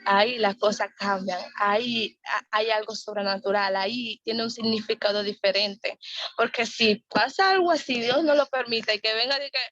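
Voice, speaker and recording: Woman, Bible study teacher, earnest, repeats phrases, slightly high voice, dull lo-fi sound. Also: moderate pace, a bit bright, no echo.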